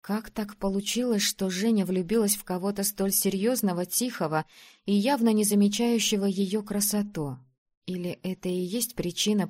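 Woman reading a novel out loud, calm steady first-person narration. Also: medium pitch. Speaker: audiobook narrator.

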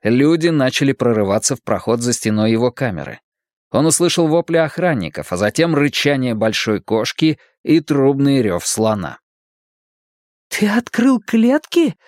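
Male audiobook reader, mid pitch, even delivery, very dry close recording. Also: moderate pace, no room sound. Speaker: audiobook narrator. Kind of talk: scripted fiction narration.

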